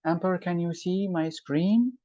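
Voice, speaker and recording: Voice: mid-range voice, a little slow, mellow, dry recording. A computer science tutor on a video call, captured as a screen recording, who patiently walks through each loop step and checks that the student follows. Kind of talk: step-by-step online lesson. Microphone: computer mic on a video call. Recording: dull, dry video-call audio.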